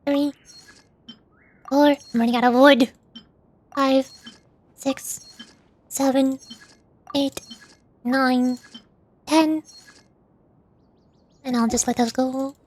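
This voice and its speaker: During a gameplay livestream, this VTuber speaks in a high, steady, darkish voice, drawing out words and leaving long pauses. She chats in a playful, cutesy way, voices dialogue aloud, and adds little sound words.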